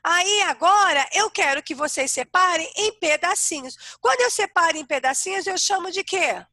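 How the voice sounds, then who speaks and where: A Brazilian woman teaching an online class to young children, with a warm, sing-song way of talking. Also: very high voice, expressive, normal speed, no room sound, clean studio sound. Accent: Brazilian Portuguese. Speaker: primary school teacher.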